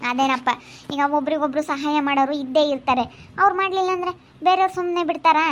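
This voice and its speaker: A woman acting a firm friend who scolds gently and consoles a crying young wife. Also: sits high, fairly even intonation, quick pace, lightly acted. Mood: soothing. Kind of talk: amateur family drama.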